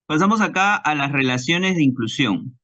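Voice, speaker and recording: A man with a Peruvian Spanish accent teaching a recorded class lecture, slow and deliberate, repeating examples and checking understanding with tag questions. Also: on the high side, animated, a bit bright.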